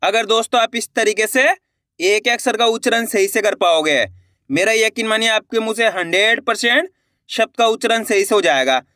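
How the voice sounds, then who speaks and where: A man with a high, bright voice teaches reading in an online video lesson. He drags out each letter sound slowly and keeps calling his viewers friends. His voice sits close and dry, with no room around it. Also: dry recording.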